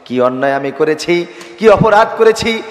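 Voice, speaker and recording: A frightened little girl, about four, pleads through tears in a high, strained voice, as a preacher acts her out. The sound carries a long, echoing reverb, as if in a big hall. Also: expressive, normal speed, natural voice. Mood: tearful. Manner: high crying plea, repeating calls for her father.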